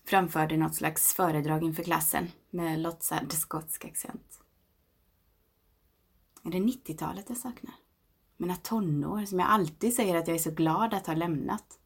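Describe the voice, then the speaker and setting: Woman, 30s, gravelly low voice; slow intimate meditative reading with whispered passages. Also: fairly even intonation. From Sweden. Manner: slow, reflective and intimate, often dropping to a whisper. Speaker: narrator.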